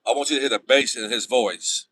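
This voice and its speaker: A man hosting a livestream, talking straight to his viewers in an animated, casual way. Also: medium pitch, brisk, slight background noise, poor audio. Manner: animated, talks to viewers directly. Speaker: livestream host.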